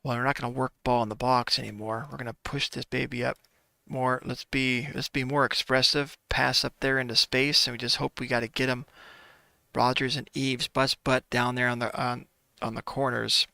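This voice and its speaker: Gaming commentator: man with a gravelly, bright voice, dry close mic, chatty and exasperated. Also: mid-range voice, flat delivery, moderate pace, dry recording. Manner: chatty, talks to viewers as folks; sighs and laughs through frustration. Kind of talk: casual gameplay commentary.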